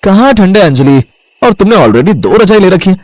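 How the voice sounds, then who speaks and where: A man's voice: sits high, very animated, moderate pace, dry recording. A man voicing a stubborn young husband in a cartoon story, talking in an offhand, dismissive way.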